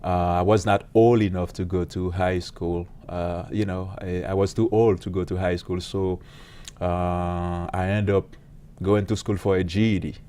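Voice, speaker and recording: Low-voiced man. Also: flat delivery, warm tone, slight background noise. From Haiti. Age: late 30s. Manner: earnest, halting, frequent uh fillers. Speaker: pastor and police officer. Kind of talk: interview guest storytelling.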